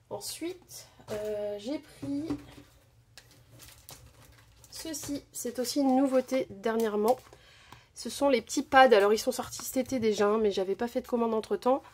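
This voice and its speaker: A faint hiss or hum sits under this woman's fairly high, darkish voice as she shows her craft purchases at a measured pace, pausing often. She hosts a crafting channel from her home desk, chatting casually with many fillers and self-corrections.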